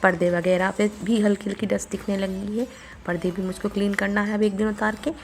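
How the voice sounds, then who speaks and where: Homely Bundelkhandi-accented woman, 40s, gravelly daily-vlog chatter on a phone mic. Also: medium pitch, flat delivery, a little fast, soft background music. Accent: Bundelkhandi Hindi. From India. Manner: chatty, homely, retells family talk. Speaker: vlogger. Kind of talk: casual daily vlog narration. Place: home, kitchen.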